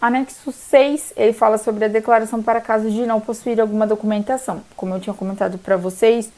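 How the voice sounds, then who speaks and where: This young woman speaks quickly with a warm, fairly high voice and fairly even intonation. A law graduate from São Paulo state in Brazil, she chats her way through bar exam rules in a vlog, scattering "tá bom?" throughout.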